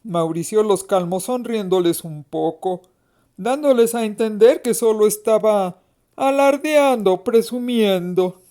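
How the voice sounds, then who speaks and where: Slow expressive woman storyteller. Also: medium pitch. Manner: slow, expressive, suspenseful reading. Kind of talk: storybook narration.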